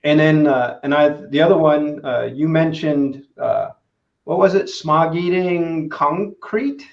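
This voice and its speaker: A man answering interview questions as a materials expert, halting and full of fillers. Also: fairly high pitch, creaky. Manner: halting, many "uh" and "you know" fillers. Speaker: guest expert in materials engineering. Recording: roomy, dull lo-fi sound.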